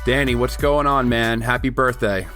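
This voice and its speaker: A man's voice: mid-range voice, steady tone, moderate pace, pushed and bright, soft background music. A man in his late twenties co-hosting a casual podcast chat, joking and rambling with many restarts. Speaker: podcast co-host.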